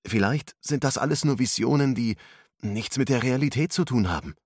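A man voices a young man who questions things doubtfully yet stays cheerful, performing at a pitch above his own natural voice. The delivery is very animated, medium-pitched, and at a moderate pace, in a dry, clean studio recording.

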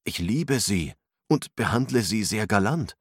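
A man's voice: fairly low pitch, lively intonation, unhurried, slightly rough, no echo, studio quality, exaggerated voice. A man voicing an earnest, awkward young man, read as part of a storybook narration. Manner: earnest, unsure.

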